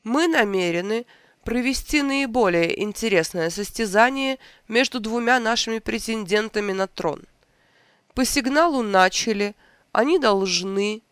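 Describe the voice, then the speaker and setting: A reader voicing a pompous, easily irritated old king in a storybook tale, speaking slowly and grandly. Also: medium pitch, animated, a bit bright, smooth, no echo, clean studio sound.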